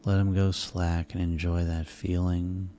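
A man leads a guided sleep hypnosis in a soft, soothing way. His voice is deep and mellow, with very little rise or fall. He takes his time, pausing between calm phrases. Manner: soft, soothing, unhurried delivery with pauses. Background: relaxation music.

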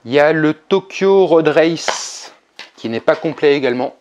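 A man with a slightly high voice talks through a casual vlog in a relaxed, chatty way, pausing to hesitate now and then. A faint hiss of noise sits under the recording. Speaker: video game collector vlogger.

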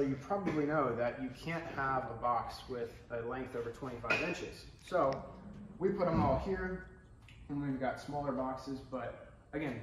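Male, 20s, casual tour host, empty warehouse echo, camera mic a few feet off, some background noise. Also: medium pitch. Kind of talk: casual walk-through tour narration. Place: large warehouse room with concrete floor, indoors. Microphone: handheld camera a few feet away.

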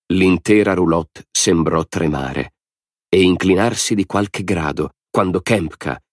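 A man reading an audiobook in steady, scripted narration. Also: low-pitched, dry recording, clean studio sound. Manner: steady, even storytelling.

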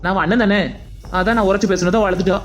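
A man's voice: high-pitched, steady tone, fast talker, a little hiss or hum, lightly acted. A man voicing an older brother in a cartoon, lecturing his sister with one rhetorical question after another. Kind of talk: cartoon voice acting.

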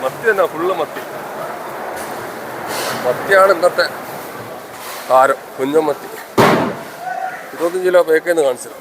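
A man's voice: on the high side, normal speed, pauses often. A man with a Kozhikode Malayalam accent giving casual, repetitive running commentary for a video and calling out to workers. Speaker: vlogger at a fishing harbour. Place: busy outdoor fishing harbour. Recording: noisy outdoor recording with vehicles. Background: harbour and vehicle noise.

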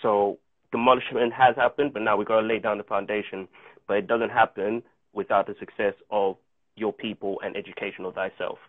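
This is a guest actor, a man in his thirties from South Africa with Chichewa as his mother tongue, being interviewed casually on a video call from a home room. The pitch is fairly low and the intonation fairly even, the pace a bit quick, and he reflects earnestly, stopping and restarting many times. His earphone mic gives a tinny, dry, phone-style sound.

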